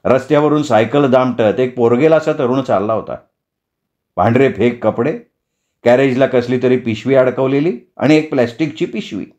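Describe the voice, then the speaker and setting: A man's voice: medium pitch, normal speed, a little mellow. A man telling a village story in a vivid, dramatic storytelling manner. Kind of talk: Marathi story narration. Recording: dull lo-fi recording.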